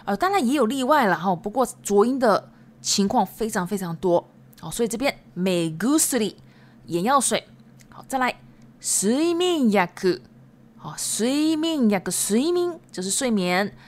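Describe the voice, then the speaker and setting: Woman, language-lesson podcast host, slightly high pitch, patient repeater with chatty fillers. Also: very animated. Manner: patient, repeats words slowly, many fillers. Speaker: Japanese language teacher.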